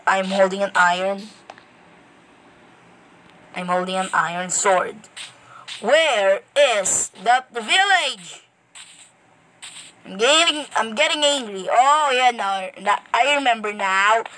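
A woman giving rambling, excitable commentary to viewers while playing a game. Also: medium pitch, slight background noise, rough recording. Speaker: gameplay commentator. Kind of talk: casual gameplay commentary.

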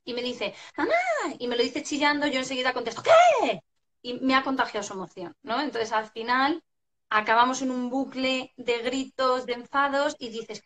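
Woman, slightly high voice, parenting expert explaining with examples, live-chat guest. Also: a bit bright. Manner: explanatory, acts out family scenes. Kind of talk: live video chat advice.

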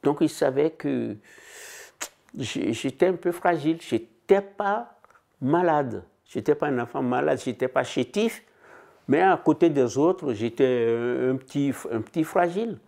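A man's voice: medium pitch, animated, a little slow, vocal fry, darkish tone. A man in his eighties reflecting on his childhood in an interview at home. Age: 80s. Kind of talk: testimony interview. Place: living room, indoors.

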